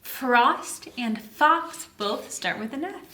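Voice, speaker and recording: At children's story time, a woman reads a picture book aloud and explains it in simple, teacherly language, posing questions and answering them herself. Her high voice is lively and slow, captured by a distant mic in an echoey, noisy room.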